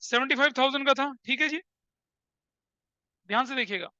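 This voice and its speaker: A male teacher in his forties lectures a class in a very high, sharp and smooth voice. He keeps quizzing his students and repeats each point. The recording is dry and slightly lo-fi. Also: a little fast, no room sound. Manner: questioning, repeats points, calls students "beta". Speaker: accountancy teacher. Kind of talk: classroom lecture mixing Hindi and English.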